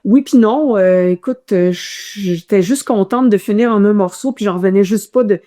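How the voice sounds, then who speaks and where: A woman with a Quebec French accent, a runner telling a guest's stories in a casual interview, animated and full of restarts. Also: mid-range voice, normal speed.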